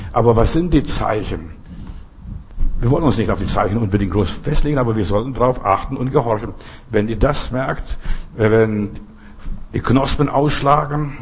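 A man's voice: mid-range voice, a little mellow, slight background noise. A man preaching a sermon, speaking to his listeners directly and often asking them questions.

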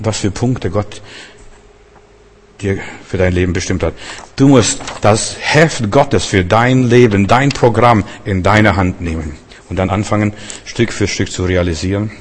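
A man's voice: on the low side, in a large hall, a little hiss or hum. A man preaching a sermon, speaking directly to the listener with repeated urgent exhortations.

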